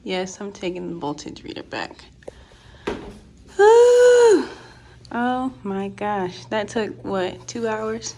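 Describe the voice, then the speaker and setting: A woman chatting informally and excitably in a casual home DIY vlog. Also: medium pitch, a little slow. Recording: noisy handheld home recording.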